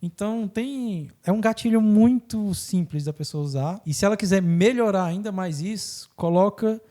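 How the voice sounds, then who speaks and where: A man hosting a podcast, explaining things in casual talk and acting out the people he quotes in lively voices. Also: sits high. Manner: animated, acts out quoted people in quick voices. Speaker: podcast host.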